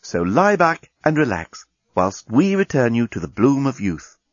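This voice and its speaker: A man voicing a calm, polite machine that reassures a client. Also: medium pitch, measured pace, no room sound, dull audio. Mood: reassuring. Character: soothing automated beauty machine voice.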